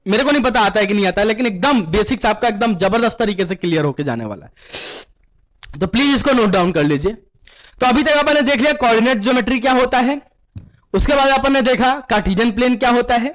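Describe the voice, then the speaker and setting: This man's extremely high voice has a fairly bright tone, lively intonation, and a brisk pace. He teaches math in Hindi interspersed with English terms, asking the same question over and over, answering it himself, and calling students "beta" in a call-and-response classroom.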